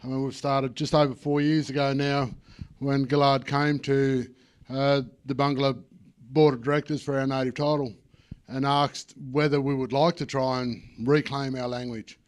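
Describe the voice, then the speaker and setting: A man speaking earnestly and personally as a panelist at a conference, with frequent pauses. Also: medium pitch, level tone.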